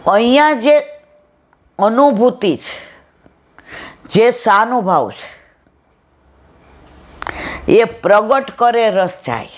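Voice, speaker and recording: A woman's voice: on the high side, expressive, very slow, pauses often. A woman giving a devotional satsang talk. She tells stories from her memories and acts out what people said. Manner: reminiscing, quotes people in little voices. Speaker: satsang speaker.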